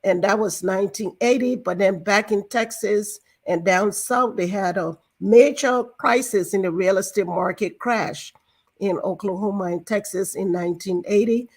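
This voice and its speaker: A woman in her sixties from Liberia, a banking director guest in an interview, talking in a measured, explanatory way with frequent fillers. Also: medium pitch, a little mellow. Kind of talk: interview talk.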